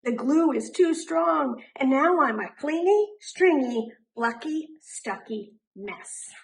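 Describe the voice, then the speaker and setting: A woman reading a children's picture book aloud in an animated way, drawing out words for emphasis. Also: high-pitched, vocal fry, slight background noise. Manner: animated, deliberate, drawn-out emphasis on rhyming words. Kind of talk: expressive children's storybook narration.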